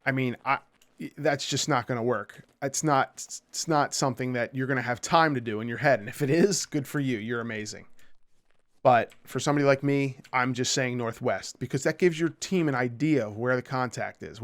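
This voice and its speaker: A man's voice: mid-range voice, fairly quick, a bit bright. A man hosting a casual gameplay tutorial, explaining radio calls and teamwork in a loose, chatty way, often checking in with "okay?" and acting out sample calls. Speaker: gaming tutorial host. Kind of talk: casual instructional commentary over gameplay.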